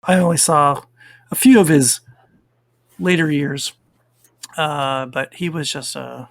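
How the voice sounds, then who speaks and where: Gravelly, dry-voiced podcast host. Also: male voice, a little high, takes it slowly, no echo. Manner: relaxed and rambling, with fillers while reading down a list. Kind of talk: casual chat.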